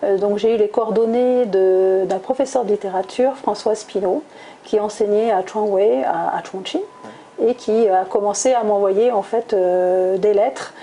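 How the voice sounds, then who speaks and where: Guest, middle-aged woman, warm and mellow, hesitant and reflective. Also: medium pitch, a little slow, slight background noise, poor audio. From France, southwest (Toulouse). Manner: thoughtful, many hesitations with "euh". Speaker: guest, recruiter. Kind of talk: interview answers.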